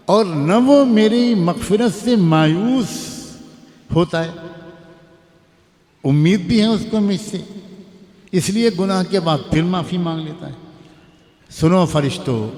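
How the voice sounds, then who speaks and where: A man's voice: high-pitched, darkish tone. A middle-aged man with an Indian Urdu accent giving an emotive sermon, reciting Arabic passages and explaining them. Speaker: Islamic scholar. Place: gathering hall. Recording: hall reverb.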